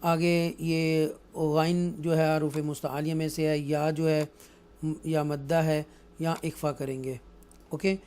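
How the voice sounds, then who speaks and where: A man with a Pakistani accent teaching Quran recitation rules, alternating explanation with slow, drawn-out recited verses and often asking "right?". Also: a little high, flat delivery, darkish tone, smooth. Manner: frequent checking "right?". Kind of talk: tajweed lesson, explaining and reciting.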